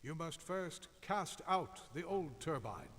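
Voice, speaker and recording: An actor voicing a wrathful, godlike machine in a video game, speaking like a thunderous prophet in grand, archaic commands. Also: male voice, a little high, very animated, slow pace, fairly bright tone, a little hiss or hum, exaggerated voice. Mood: stern, commanding.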